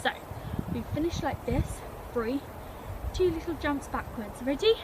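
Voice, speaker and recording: A high-voiced woman leads a children's dance lesson. She talks slowly and breaks each move into steps. Her encouragement comes over a loud bed of background noise. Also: lively intonation. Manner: encouraging, step-by-step instruction. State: out of breath at times. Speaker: dance teacher.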